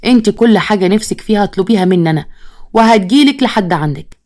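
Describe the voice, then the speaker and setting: A commanding Egyptian village father who scolds his family and dotes on one daughter-in-law, as a woman storyteller reads his part. He speaks very fast, at a middle pitch. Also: animated, a little mellow, lightly acted. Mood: stern. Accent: Egyptian Arabic.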